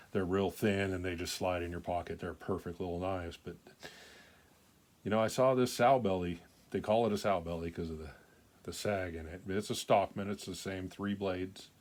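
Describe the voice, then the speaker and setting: A man's voice: low voice, a little mellow. An older man giving a casual show-and-tell of his collection, talking in a plain-spoken, folksy, rambling way. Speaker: knife collector presenting his pocketknives.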